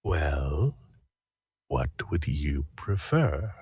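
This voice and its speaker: In a dry recording, an ASMR voice actor speaks very slowly in a very deep, slightly rough voice that's very animated. He softly delivers flirty roleplay lines into a close mic during a script read-through, chatting casually between takes.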